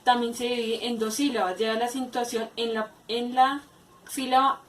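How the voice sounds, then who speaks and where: A woman's voice: fairly high pitch, steady tone, a little hiss or hum. Hesitant woman teaching a grammar lesson. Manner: explains slowly with many hesitations and repeats. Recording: echoey room, far from mic.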